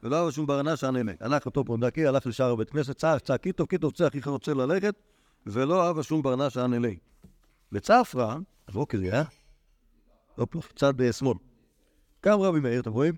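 A man's voice: mid-range voice, lively intonation, darkish tone, no echo. A man, a rabbi teaching a Talmud class to students, reading the text aloud and then explaining it in everyday speech with many restarts.

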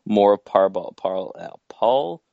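A man's voice: fairly low pitch, expressive, slow, creaky, warm tone, dry recording, muffled recording. A man co-hosting a casual movie review podcast, rambling and hesitant, full of fillers and swearing. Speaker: podcast co-host.

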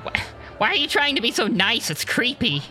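A man's voice: very high voice, sing-song, moderate pace, sharp tone, soft background music, pitched above the performer's own voice, heavily acted. A man playing a wary, prickly loner in a tabletop game, curt and stammering. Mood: defensive. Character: prickly, suspicious male loner, upset and wary.

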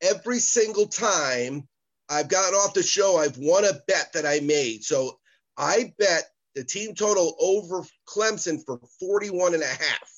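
A man's voice: high voice, animated, unhurried, dull audio. A man chatting casually as a sports betting guest, heard over a video call. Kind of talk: casual chat.

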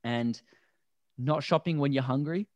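A man's voice: mid-range voice, a little mellow, dry recording, lo-fi sound. Earnest man, dry close sound. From Australia. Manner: earnest, explanatory, talks deliberately slow. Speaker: podcast guest, endurance athlete. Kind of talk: conversational interview.

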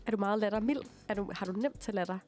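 A woman's voice: medium pitch, a little mellow. A young woman in her twenties co-hosting a podcast, upbeat and playful as she chats with the guest. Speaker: podcast co-host. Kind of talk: casual interview chat.

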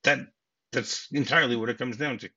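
Male podcast host, husky, chatty, lo-fi audio. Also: mid-range voice, a little fast, pushed and bright. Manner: chatty, many restarts and laughs. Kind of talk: casual film discussion.

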